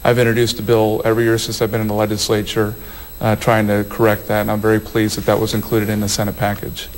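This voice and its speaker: A man's voice: on the low side, completely flat delivery, quick pace, slight background noise, poor audio. A man, a state legislator, speaking matter-of-factly on a panel. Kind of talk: panel discussion.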